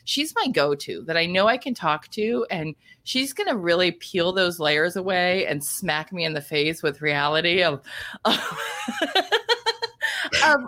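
A woman's voice: on the low side, animated, measured pace, pushed and bright. A woman from Ohio hosting a podcast interview, upbeat and conversational, laughing often with her guest. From Ohio, USA. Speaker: podcast host.

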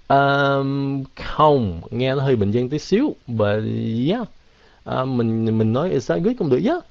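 A man teaching English in a casual live Q&A, mixing Vietnamese and English and drawing words out slowly. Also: mid-range voice, darkish tone, no room sound. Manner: drawn-out, slow pronunciation of English words. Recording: dull, lo-fi, dry.

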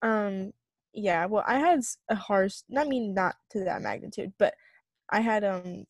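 A young woman co-hosting a podcast, telling a long story in casual chat, full of fillers and animated retellings. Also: medium pitch, measured pace, no echo. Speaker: podcast co-host.

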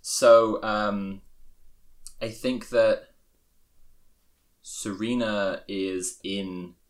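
A man's voice: on the low side, fairly even intonation, drawn-out words. A man running a tabletop role-playing game as game master, narrating dreamlike scenes to a player in second person.

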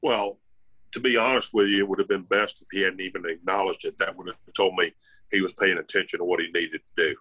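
A man's voice: low-pitched, fairly even intonation, fast talker, pushed and bright. An older man, a former tour golfer co-hosting a podcast, talking bluntly and instructively. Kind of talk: casual chat.

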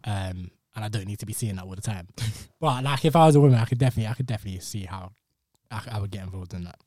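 A man's voice: on the low side, animated, racing, mellow, no room sound, studio quality. A man with a London accent and urban roadman slang, hosting a casual podcast chat. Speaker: podcast host.

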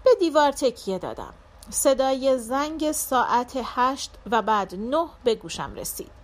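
A woman reading a literary short story aloud as an audiobook narrator, in a measured, dramatic first-person style. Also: sits high, expressive.

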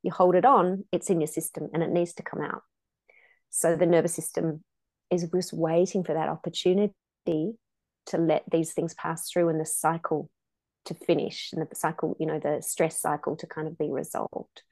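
A woman's voice: low-pitched, level tone, moderate pace, darkish tone, no echo. A woman in her fifties, a sex and intimacy coach, explaining in an earnest, casual way in a podcast interview.

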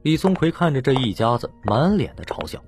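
A man narrating a serialized novel as an audiobook, with steady storytelling delivery. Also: mid-range voice, brisk, soft background music. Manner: steady storytelling, voicing the lead plainly.

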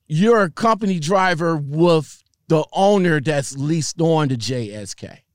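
Higher-pitched man, halting and slangy, very dry sound. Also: lively intonation, no echo. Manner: halting, repeats phrases over and over. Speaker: interviewer. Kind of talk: casual slangy chat.

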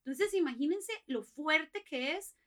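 A woman's voice: high-pitched, measured pace. A young woman with a Costa Rican accent, a podcast guest in casual chat, talking animatedly and acting out the things people say. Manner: animated, acts out quoted remarks.

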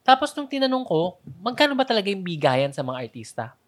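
A woman's voice: mid-range voice, very animated, fast. A woman co-hosting a casual podcast chat, asking questions and mixing English into her talk. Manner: chatty, asks questions, eats chips while talking. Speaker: podcast co-host.

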